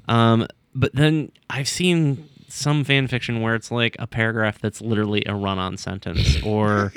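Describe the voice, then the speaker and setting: A man's voice: on the low side, steady tone, moderate pace, clean tone, no room sound. A man guesting on a casual podcast, rambling with many ums and likes and now and then slipping into silly voices.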